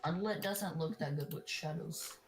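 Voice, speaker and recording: A man's voice: on the high side, normal speed, background noise. A man in casual chat with friends, talking in a slangy, rambling way and ranting freely. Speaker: co-streamer.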